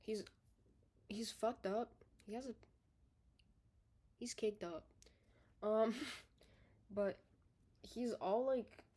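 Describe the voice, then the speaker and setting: A woman's voice: a little high, very slow, pauses often, slightly rough. Breathless young woman rambling. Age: young adult. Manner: rambling, self-correcting, swears casually, trails off softly. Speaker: vlogger. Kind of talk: casual unedited video diary. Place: her bedroom.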